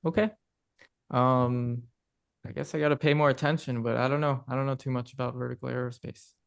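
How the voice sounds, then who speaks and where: Man, mid pitch, smooth clear voice, relaxed host, laughs a lot. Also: a little fast. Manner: relaxed, chatty, laughs often. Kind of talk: casual livestream chat.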